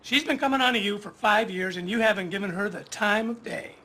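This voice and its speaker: A man's voice: high voice, fairly quick, pushed and bright. An actor playing a wry, grumbling older man who works as a mall Santa, in a film. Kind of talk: film acting.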